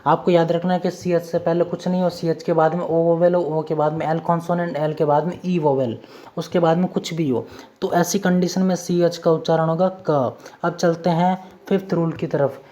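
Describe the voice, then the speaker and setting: A woman's voice: fairly low pitch, fairly even intonation, normal speed, dark tone. A woman teaching English spelling rules in a patient, repetitive lesson, going over each formula step by step. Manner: repetitive, drills formulas step by step, addresses viewers as friends. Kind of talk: classroom-style lesson explaining rules.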